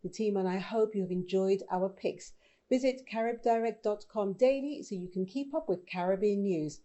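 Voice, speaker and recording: A woman's voice: medium pitch, mellow, highs cut off. A woman presenting scripted online news as host, speaking directly and conversationally to viewers.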